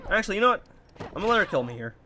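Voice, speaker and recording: Racing along in a high-sitting voice, this stuffy-nosed young YouTuber rambles about his own gameplay in an animated, puzzled, casual way. There is slight background noise.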